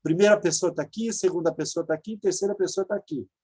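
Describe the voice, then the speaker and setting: Speaking fast in a low-leaning, darkish voice with a breathy edge, a Brazilian woman with a Brazilian Portuguese accent teaches Hebrew grammar online over a video call. She patiently explains and repeats the forms for her class.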